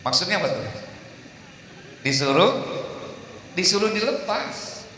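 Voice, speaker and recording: A middle-aged man preaching a humorous sermon, telling stories and quizzing his audience, his voice jumping between loud bursts and soft asides. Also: sits high, big pitch swings, measured pace. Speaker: Islamic preacher. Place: large mosque or hall at a religious gathering. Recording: echoey hall through PA, faint room noise.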